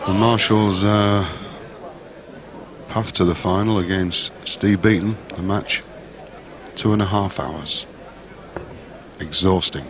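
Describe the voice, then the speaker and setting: A man's voice: low voice, steady tone, slow, pauses often. A man giving live television darts commentary in short, clipped phrases. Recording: crowd roar and noise behind commentary. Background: darts arena crowd.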